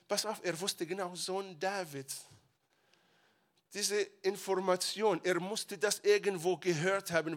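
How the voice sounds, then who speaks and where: Bright-voiced preacher with dramatic outbursts. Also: male voice, high voice. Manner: dramatic, swings between shouted retellings and quiet asides; mixes English phrases into German. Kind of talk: sermon.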